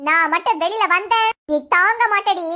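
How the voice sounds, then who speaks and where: A woman's voice: very high voice, moderate pace, sharp tone. A woman voicing an arrogant young jailed woman in a cartoon, delivering menacing, taunting threats. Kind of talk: cartoon voice acting.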